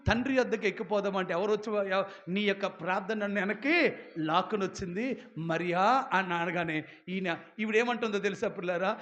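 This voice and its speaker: A man preaching a Telugu sermon, animated, acting out voices and calling out to the congregation. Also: high voice. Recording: dull lo-fi sound.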